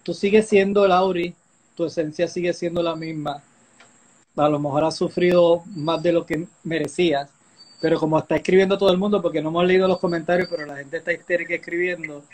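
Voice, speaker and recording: A man's voice: a little high, fairly even intonation, a little fast, low-quality recording. A man hosting a livestream chat, enthusiastic and admiring, often cutting in with questions over a phone connection. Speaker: host. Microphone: phone on a live video call.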